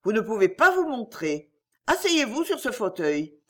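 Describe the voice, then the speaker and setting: Woman playing a soft-spoken young friend, high and pleading, lively intonation. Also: moderate pace. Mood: firm. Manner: soft and soothing, pleading, firm when needed.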